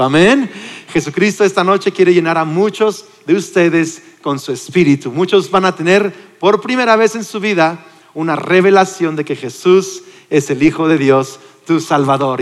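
Guy in his 40s preaching, kinda high voice, long echo off a big church hall. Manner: preaches with rising emphasis, calls on congregation to repeat words. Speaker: pastor. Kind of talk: sermon.

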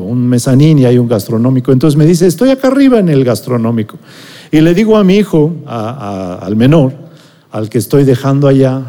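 A man's voice: mid-range voice, dark tone, long reverb tail. A middle-aged man with a Mexican accent, preaching a sermon as a conversational personal story and checking in with his listeners. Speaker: pastor or preacher.

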